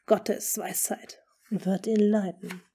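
A woman voicing a scheming noble duke in an audiobook, speaking smoothly and often in a hushed, half-whispered tone. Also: medium pitch, flat delivery. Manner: smooth, measured. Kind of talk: audiobook character reading.

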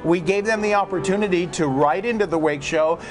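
A man's voice: sits high, a little fast, music in the background. A man in his fifties with an upbeat, enthusiastic patter, presenting a casual morning show as a cruise director. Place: ship atrium, at a presenting desk.

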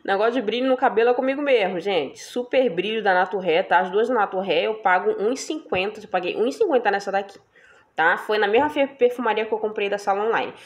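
Talking quickly in a medium-pitched voice, a young woman runs through a casual product haul as a beauty vlogger, regularly turning to her viewers for agreement.

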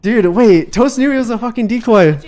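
A woman chatting excitedly while streaming a game, swearing and laughing often, thanking viewers as she plays. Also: fairly high pitch, fairly quick.

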